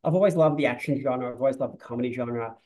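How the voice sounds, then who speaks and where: A man in his forties chatting over a webcam. He rambles loosely, restarts his sentences and leans on filler words, with a middling pitch. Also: very fast, a little mellow, low-quality recording. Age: 40s. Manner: rambling, restarts often, says "like" a lot. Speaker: film director. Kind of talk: casual interview on a video call. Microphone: video call webcam.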